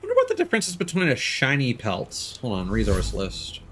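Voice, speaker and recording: A man streams a video game and thinks aloud in casual commentary, musing with unhurried asides. His mid-range voice swings hugely in pitch, and faint game ambience plays behind him along with a little hiss or hum.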